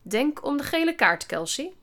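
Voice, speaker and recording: A woman's voice: high-pitched, big pitch swings, moderate pace, a bit bright, pitched above the performer's own voice, heavily acted. A woman voicing a cold, strict female schoolteacher who speaks in an icy, clipped way. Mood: icy stern.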